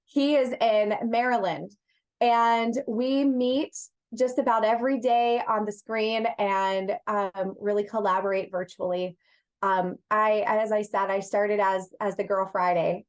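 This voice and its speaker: A woman's voice: mid-range voice, fairly even intonation, unhurried. A woman answering as an interview guest, talking about her work in an earnest, emphatic way with repeated phrases. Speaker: interview guest, executive search partner and HR director.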